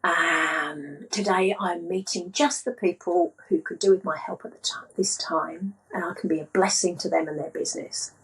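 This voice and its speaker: A woman speaking as a podcast guest, a spiritual business coach, in a slow, calm and grounded way. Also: on the low side, slightly rough, rough recording. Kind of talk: casual podcast chat.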